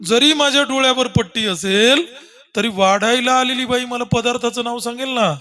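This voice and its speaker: A man's voice: extremely high pitch, fairly even intonation, moderate pace, pushed and bright, soft background music, pitched above the performer's own voice. A man voicing a clever, cheeky young boy who explains his trick earnestly. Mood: explaining.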